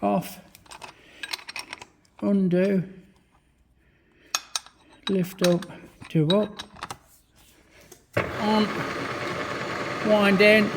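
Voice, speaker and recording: Loud machinery and clicking surround a British man with a fairly high-pitched voice. He is demonstrating a job in his workshop in a casual, matey way, swearing often as he talks through each step in short bursts. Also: background noise. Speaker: vlog host, hobby machinist. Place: small home workshop beside a milling machine. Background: milling machine running, clicks.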